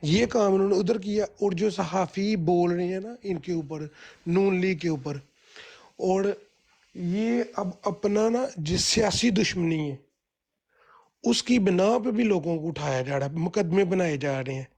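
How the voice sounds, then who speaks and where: A man's voice: high voice, unhurried, creaky, darkish tone. A man in rambling, heated political commentary on a group call, full of restarts and fillers.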